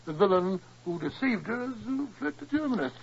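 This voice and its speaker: An actor playing an earnest, excitable British gentleman doctor and loyal sidekick in 1940s radio style. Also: high voice, a little fast, vocal fry, slightly rough, full character voice. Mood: earnest recounting. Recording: muffled 1940s radio recording.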